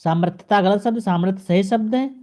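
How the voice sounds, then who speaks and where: A male teacher giving an exam-prep grammar lesson, addressing the viewer and repeating each correction in a steady drilling pattern. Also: sits high, quick pace. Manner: speaks straight to the viewer.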